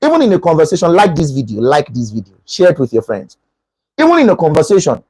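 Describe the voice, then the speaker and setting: A Nigerian pastor giving an animated relationship teaching and acting out short dialogues. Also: male voice, high voice, husky, no echo, low-quality recording.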